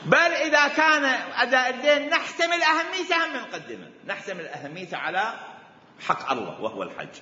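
A man's voice: very high-pitched, big pitch swings, fast, pushed and bright. A man with an Iraqi Arabic accent teaching religious law, firing off repeated rhetorical questions. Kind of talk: jurisprudence lecture. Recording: echoey hall, dull lo-fi sound, faint hiss.

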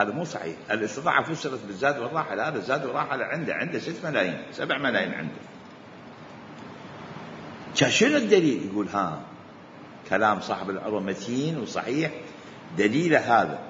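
A man's voice: mid-range voice, pushed and bright. A man with an Iraqi Arabic accent teaching religious law, firing off repeated rhetorical questions. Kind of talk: jurisprudence lecture. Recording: echoey hall, dull lo-fi sound, faint hiss.

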